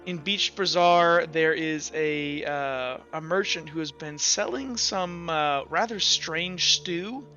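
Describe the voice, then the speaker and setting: Running a tabletop roleplaying game, this game master narrates off the cuff in a fairly high, pushed, bright voice, taking it slowly yet hardly pausing. His delivery is casual and hesitant, loose and full of "like" and "kinda." Music plays behind dull, lo-fi audio.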